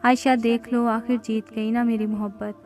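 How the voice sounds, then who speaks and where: A woman's voice: a little high, little pitch movement, normal speed, a little mellow, faint music behind, natural voice. A woman voicing a young husband who speaks in a curt, scolding way. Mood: harsh. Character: young husband growing harsh and greedy.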